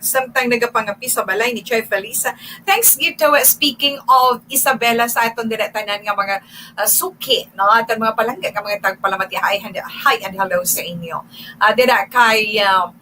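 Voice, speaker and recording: Bright-voiced Hiligaynon woman radio host. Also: a little high, slight background noise, poor audio. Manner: chatty, reads names with pauses and fillers. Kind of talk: reading listener greetings on air. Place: radio studio.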